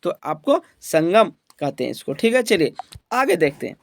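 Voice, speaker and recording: Man, high voice, teacher, exam prep lesson, asks and answers his own questions, dry close sound. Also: big pitch swings, moderate pace, vocal fry, no echo. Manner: repeats each point as a question and answer, "ठीक है?" checks.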